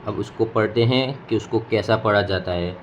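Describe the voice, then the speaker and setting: A man teaching Quran reading, patiently saying syllables one by one in a slow spoken lesson. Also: on the low side, steady tone, dull audio, slight background noise. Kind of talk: slow spoken lesson, drilling letter sounds.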